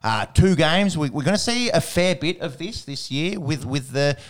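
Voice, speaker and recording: A man's voice: a little high, lively intonation, normal speed. An Australian man hosting a casual sports podcast, recapping in a slangy, blokey way.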